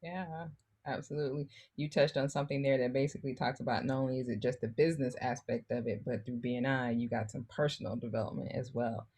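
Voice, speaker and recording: A woman's voice: very deep voice, steady tone, fast, darkish tone, breathy edge. An American woman co-hosting an interview show, upbeat and enthusiastic as she wraps up a segment. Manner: enthusiastic, celebratory. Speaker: co-host.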